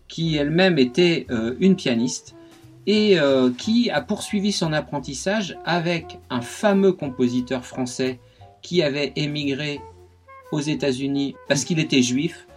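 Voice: medium pitch, unhurried, soft background music. A radio guest explaining jazz rhythms, speaking patiently with many hesitations and counting beats aloud.

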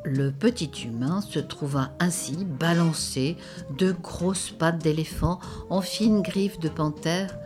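A woman narrates a children's story aloud, taking her time with each phrase. Her voice rises and falls with lively expression, and soft music plays faintly behind her. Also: medium pitch. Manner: expressive, slow and dramatic.

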